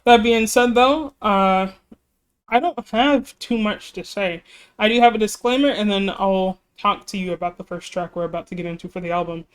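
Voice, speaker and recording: Smooth and mid-range, this voice moves at a moderate pace as a music reaction YouTuber rambles through a casual chat. They laugh a lot, apologize, and poke fun at themselves while their voice is slightly giving out.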